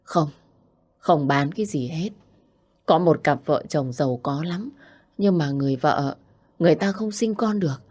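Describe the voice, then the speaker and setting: A woman's voice: low voice, normal speed, pauses often, a little mellow. A woman voicing a desperate middle-aged mother in debt, who pleads with her daughter in a tearful voice. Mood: coaxing.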